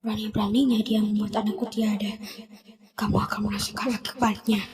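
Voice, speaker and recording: A woman's voice: mid-range voice, flat delivery, a little fast, a little mellow, a little hiss or hum, natural voice. A woman voicing a grieving mother who makes cold, threatening vows of revenge in a fan voice drama. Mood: vengeful.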